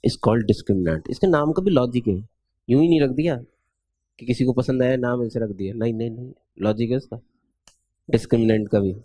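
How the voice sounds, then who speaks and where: Playful man teaching math, dark tone. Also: medium pitch, dry recording. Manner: playful, asks students rhetorical questions, drags out formulas slowly. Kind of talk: chatty classroom lecture.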